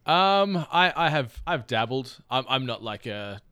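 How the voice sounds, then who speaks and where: A man's voice: mid-range voice, very animated, measured pace, pushed and bright, clean tone, no room sound. An Australian man co-hosting a podcast, chatting casually and telling rambling stories. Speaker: podcast co-host.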